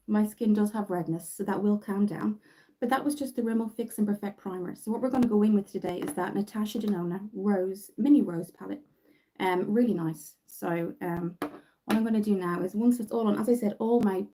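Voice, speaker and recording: A woman's voice: mid-range voice, a little fast, background noise. An Irish woman doing a casual makeup tutorial on a livestream from her bedroom, chatty and rambling with many fillers. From Ireland. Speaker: makeup vlogger. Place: bedroom at home.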